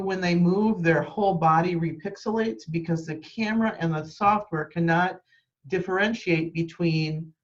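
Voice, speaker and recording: A woman's voice: lowish voice, dull audio. A woman leading a live video-call training from her home office, explaining things practically with frequent ums. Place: home office with green screen. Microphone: webcam microphone.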